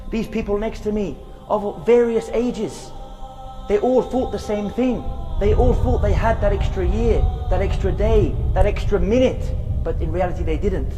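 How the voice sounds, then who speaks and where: A man's voice: high-pitched, warm tone, in a large hall. A man giving an earnest religious reminder outdoors in a graveyard, repeating phrases for emphasis and reciting verses. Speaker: Islamic preacher.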